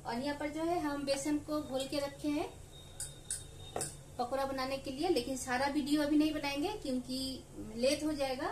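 A woman's voice: high-pitched, fairly even intonation, moderate pace, a little mellow, slight background noise. A woman from Bengal with a Bengali accent, chatting casually through a home cooking vlog in her kitchen, with small slips in her speech. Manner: chatty, homely, with slight slips in Hindi.

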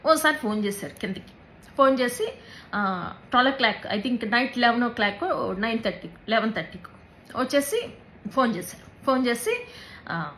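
A woman tells her own story in an interview, in a halting way that circles back on its words and drops in English terms. Her voice sits a little high and sounds bright and forceful. Faint noise hums behind her. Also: big pitch swings, rough recording. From Andhra Pradesh, India. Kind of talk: personal account in an interview.

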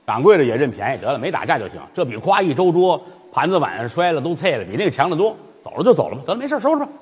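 Male comic storyteller, high husky voice, chatty asides. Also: very fast, in a large hall. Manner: lively, chuckling asides to listeners.

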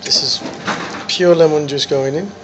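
Guy calling out spices one by one, kinda high voice, loud kitchen noise in the background. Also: steady tone, a little slow. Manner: names each ingredient in short phrases. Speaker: cooking channel host. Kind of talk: casual cooking narration. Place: restaurant kitchen.

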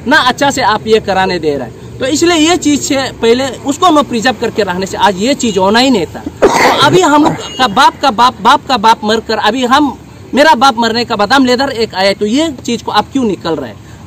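A man's voice: high-pitched, fairly bright tone, a little hiss or hum. A village council leader speaking emphatically at an outdoor press briefing, pressing his appeal with rising force.

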